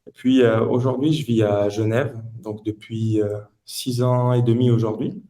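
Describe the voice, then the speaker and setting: A man in his late twenties from Toulouse in southern France gives conversational answers as an entrepreneur guest on a podcast. His voice is medium-pitched, warm, and steady, at a normal speed.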